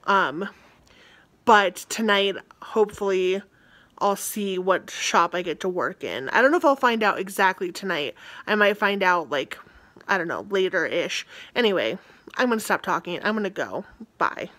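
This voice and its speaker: A woman's voice: mid-range voice, expressive, moderate pace, a bit bright. A young adult woman, a college theatre student, chatting casually in a vlog, rambling and correcting herself with lots of fillers.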